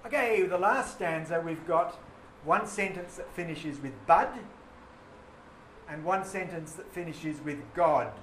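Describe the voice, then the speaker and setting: A man's voice: fairly high pitch, measured pace, a bit bright, a little hiss or hum. A male teacher leading a poetry lesson in a classroom, enthusiastic and full of praise for his students. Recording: roomy classroom echo.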